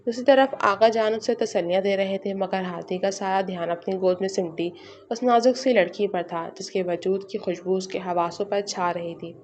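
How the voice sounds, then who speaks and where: A woman's voice: medium pitch, steady tone, darkish tone, a little hiss or hum. Woman narrating a romance novel. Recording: slightly muffled lo-fi recording.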